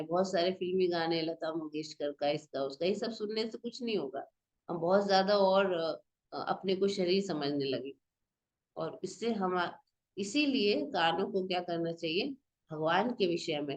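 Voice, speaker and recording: A woman's voice: fairly low pitch, lo-fi sound. A woman explaining scripture in a class, in a patient, conversational way that often checks in with her listeners. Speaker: scripture teacher.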